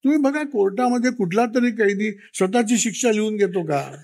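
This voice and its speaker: A man telling lively anecdotes in an interview, acting out quotes from parents and children and laughing often. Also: high voice, fairly quick. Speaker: children's author and interview guest. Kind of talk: storytelling interview talk.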